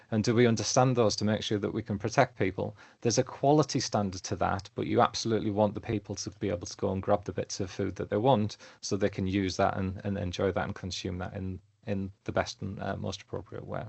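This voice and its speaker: A man giving a webinar presentation on his work, lively and fond of analogies, often putting questions to the audience. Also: fairly low pitch, creaky, no echo. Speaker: webinar presenter, council data lead.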